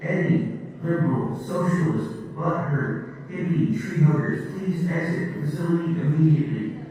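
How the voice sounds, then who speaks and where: A man making a formal, measured announcement over a public address intercom. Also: fairly high pitch, expressive, mellow. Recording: echoey hall from far off, faint music.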